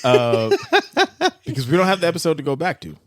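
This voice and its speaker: Male podcast co-host, animated teasing voice, dry close recording. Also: a little high, moderate pace, no room sound. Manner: teasing, laughs through his words. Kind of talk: casual film podcast chat.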